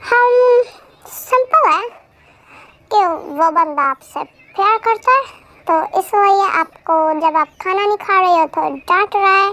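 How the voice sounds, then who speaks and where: A woman voicing a caring young woman who calmly explains and reassures in a fan audio drama. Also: very high voice, a little slow, dry recording, full character voice. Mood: reassuring. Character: caring young woman, older sister type.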